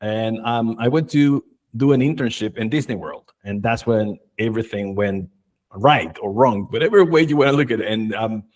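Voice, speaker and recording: A man's voice: on the low side, normal speed. A man in his forties from Chile, a guest on an interview podcast, telling his career story with enthusiasm and many fillers. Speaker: guest, marketing and video expert. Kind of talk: casual interview chat.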